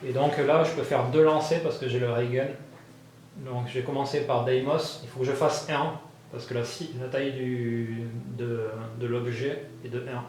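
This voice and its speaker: A man narrating his solo board game playthrough, thinking aloud with many fillers and bursts of excitement at dice rolls. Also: medium pitch, moderate pace. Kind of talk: casual thinking-aloud gameplay commentary. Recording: very echoey room with faint background noise.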